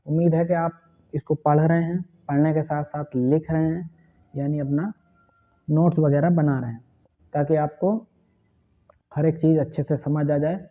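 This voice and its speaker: A man's voice: on the high side, little pitch movement, normal speed, pauses often. A man teaching an online language lesson, patiently spelling out letters and their sounds. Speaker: Urdu teacher. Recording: tinny phone-like sound.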